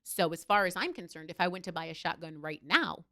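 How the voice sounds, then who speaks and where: A woman's voice: on the low side, fairly quick, bright, forceful tone. A woman, a former judge, speaking as an interview guest and telling her story in an impassioned, emphatic way. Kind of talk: candid interview talk.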